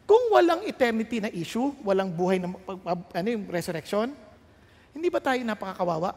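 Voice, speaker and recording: A man preaching a sermon in a very high voice for a man. He mixes Tagalog and English and climbs to shouted peaks. His voice rings with the long reverb of a large hall. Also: sing-song, a little fast.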